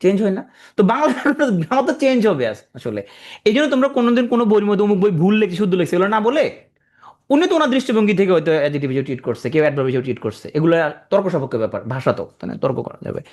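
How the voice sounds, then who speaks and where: A man with a Bangladeshi accent teaching English grammar in an online lecture, often pausing to quiz his students. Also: high-pitched. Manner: lively, asks students frequent rhetorical questions.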